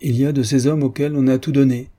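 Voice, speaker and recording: Storybook role: man voicing a devoted young noblewoman disguised as a man, reproachful and pleading, pitched up, husky. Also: flat delivery, fast talker, dark tone, close to an everyday voice.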